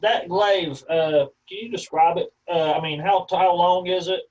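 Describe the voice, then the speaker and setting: A man's voice: sits high, normal speed, a little mellow. A man talking casually as a player in a tabletop roleplaying game. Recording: distant mic, dull sound, faint noise.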